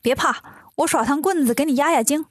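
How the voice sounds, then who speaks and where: A woman's voice: high voice, brisk, no room sound, studio quality, lightly acted. A woman playing a cheeky teasing monkey king. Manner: teasing, playful. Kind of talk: children's storytelling.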